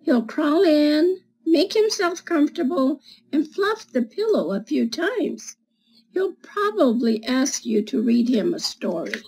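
This read-aloud storyteller, a woman in her seventies, takes schoolchildren through a picture book in a measured way, pointing out what's in the pictures with gentle questions. Her voice is high and very animated. The sound, recorded on a webcam at desk distance in a small bookshelf-filled home room, is rough.

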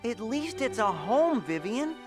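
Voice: medium pitch, sing-song, unhurried. A woman voicing a timid, agreeable little pet animal in a cartoon. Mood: meek. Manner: meek, agreeable. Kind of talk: cartoon voice acting. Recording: music behind.

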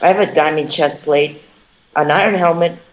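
A man who games and edits for a channel chats over voice chat during play, tossing out sarcastic jabs and panicking whenever his character is in danger. His voice is a little high and at normal speed, with a crowd in the background and poor audio.

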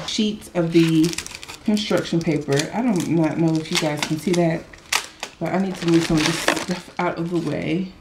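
A woman's voice: on the low side, very noisy. A woman vlogger giving a casual, rambling craft tutorial, with many ums and restarts.

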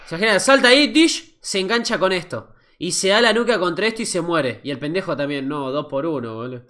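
A man with an Argentine accent, reacting live as a streamer, excitable and casually swearing while he greets his chat. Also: sits high, fast. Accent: Argentine Spanish.

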